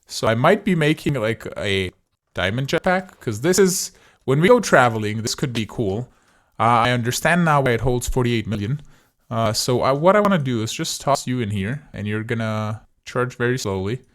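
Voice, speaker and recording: A man hosts a gaming video in a voice of medium pitch. He comments casually on his play, chatting and thinking aloud as he decides what to try. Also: lively intonation, normal speed.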